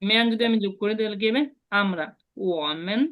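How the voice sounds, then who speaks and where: A woman teaching a beginner Chinese lesson online, slowly drilling sounds for her students to repeat. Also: medium pitch, steady tone, dull audio. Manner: patient, slow repetitive drilling of sounds.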